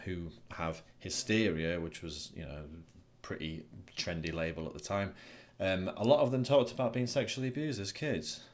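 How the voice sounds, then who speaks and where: A therapist giving an informal recorded lecture, talking bluntly and conversationally with frequent ums. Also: male voice, deep voice. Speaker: person-centred therapist.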